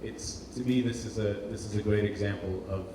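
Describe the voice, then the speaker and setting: A man from Portugal speaks briskly in a lowish voice with fairly even intonation during an informal presentation as a designer. His delivery is hesitant, with repeated words as he searches for phrasing. Heavy echo in the indoor event space makes this live hall recording roomy, distant and noisy.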